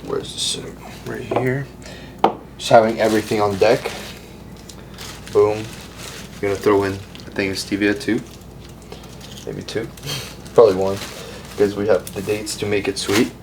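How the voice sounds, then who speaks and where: A young man from Ukraine vlogging his bodybuilding prep in a relaxed, chatty way, full of fillers and restarts. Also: on the low side, normal speed, pauses often, noisy background. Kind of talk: casual vlog talk.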